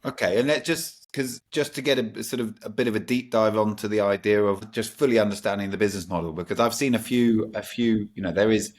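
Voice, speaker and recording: A man's voice: lowish voice, fairly even intonation, brisk, few pauses. A man hosting a podcast, asking long, enthusiastic questions full of restarts and repeated words. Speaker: podcast host. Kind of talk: podcast interview.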